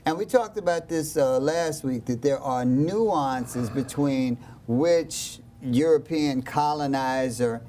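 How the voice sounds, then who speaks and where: Slow-talking man with a mellow voice. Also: medium pitch, a little hiss or hum. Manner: hesitant, with many uhs and restarts. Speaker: host. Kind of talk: studio panel discussion. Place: studio.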